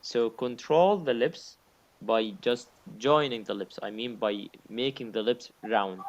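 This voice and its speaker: A man's voice: mid-range voice, a little slow, lo-fi sound. A man teaching recitation in a one-on-one lesson, patiently repeating his points and sounding out examples himself.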